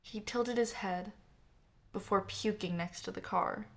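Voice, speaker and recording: A woman narrating a first-person story in an unhurried, soft manner for an audiobook. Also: mid-range voice, creaky.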